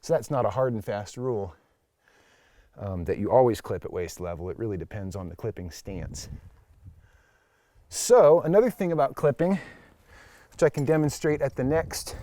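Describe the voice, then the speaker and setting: At a crag or climbing wall, an instructor talks his students through a hands-on demo as he climbs. He keeps his explanations plain-spoken, using a mellow, mid-range voice.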